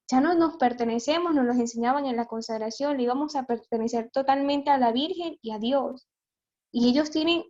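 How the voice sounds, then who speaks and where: A woman gives an earnest, prayerful devotional talk to a youth group. Her voice sits fairly high, and the audio is dull and lo-fi. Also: darkish tone.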